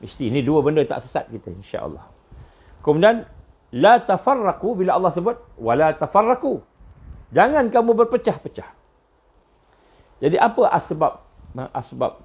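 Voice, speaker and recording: A man with a Malaysian Malay accent giving a religious lecture, telling stories with lots of repetition and a voice that jumps high on key points. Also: a little mellow, breathy edge.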